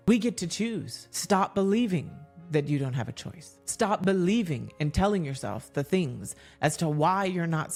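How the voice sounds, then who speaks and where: A woman hosting a podcast, giving an earnest motivational monologue with repeated exhortations, slowing and dropping low on key points. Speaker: podcast host.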